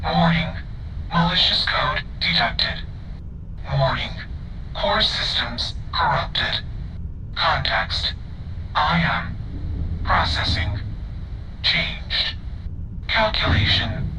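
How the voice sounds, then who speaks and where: A man voicing a cold, literal male ship AI with a flat, emotionless, machine-like delivery in a video game. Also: a little high, drawn-out words, long pauses, exaggerated voice. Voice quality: flat, emotionless, machine-like delivery, announces each statement type. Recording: game audio with loud hum.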